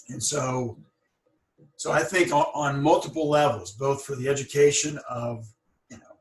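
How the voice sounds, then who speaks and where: This interview podcast host speaks in a steady mid-range voice at a measured pace, often stuttering and restarting words. His manner is thoughtful and encouraging, and the audio sounds roomy, as if he's somewhat distant from the microphone.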